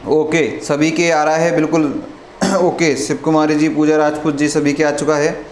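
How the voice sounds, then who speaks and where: A man teaching a live online grammar lesson, asking questions and answering them himself, calling his students "friends" and clearing his throat often. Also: on the high side, monotone, moderate pace. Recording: echoey room with faint noise.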